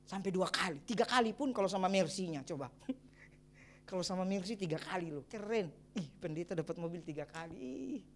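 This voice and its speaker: A middle-aged man, a pastor, preaching a sermon and telling his own story in a lively way with exclamations and chuckles. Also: high-pitched, a little fast, slight background noise. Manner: addresses the congregation as brothers and sisters. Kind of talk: sermon with personal testimony.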